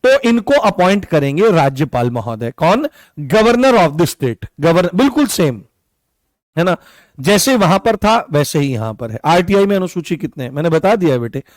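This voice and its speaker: A man's voice: fairly high pitch, very animated, moderate pace, dry recording. A man teaching an online exam-prep class, coughing, often turning key points into questions for his students. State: coughing, hoarse. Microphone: own mic.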